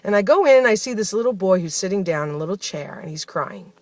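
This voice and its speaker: A woman's voice: medium pitch, expressive, fast, no room sound. Reflective woman telling a personal diary. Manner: reflective, heartfelt, conversational with many fillers. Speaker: host of a spoken daily journey series. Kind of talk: personal spoken diary, storytelling.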